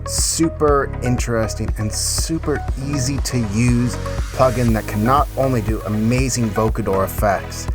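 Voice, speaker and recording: A man in his thirties speaks in an unhurried, mid-range voice while hosting an informal music production tutorial. The casual instructional video has him enthusiastic and slangy, close on a pop-filtered studio microphone in a small home studio.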